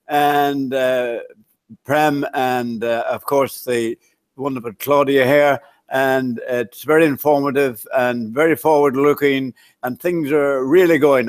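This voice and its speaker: A man's voice: medium pitch, dry recording. A man with a Northern English accent, a guest chatting at length and apologizing for going on. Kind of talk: casual chat.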